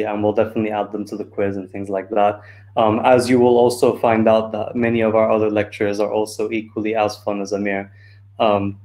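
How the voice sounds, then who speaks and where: A Turkish man in his twenties presents as a student over a video call from an indoor room, using the call's microphone. He speaks informally and a bit hesitantly, in a medium-pitched, slightly mellow voice.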